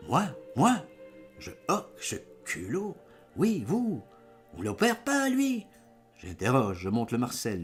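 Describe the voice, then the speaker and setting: A man giving a dramatic literary reading, in short, exclamatory, broken phrases. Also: fairly low pitch. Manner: fragmented, exclamatory, theatrical phrasing. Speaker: reader of a literary audiobook.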